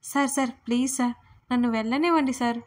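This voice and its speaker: Brief: spirited young college heroine, shrill indignant protests, a notch higher and louder than the storyteller, as a woman narrator voices her. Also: fast talker, close to an everyday voice. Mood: pleading.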